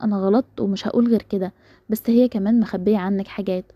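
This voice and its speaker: A woman's voice: medium pitch, fairly even intonation, rapid-fire, no room sound, dull audio, close to an everyday voice. Secretive ex-lover, read by an Egyptian woman. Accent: Egyptian Arabic. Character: secretive young man, former lover, insistent.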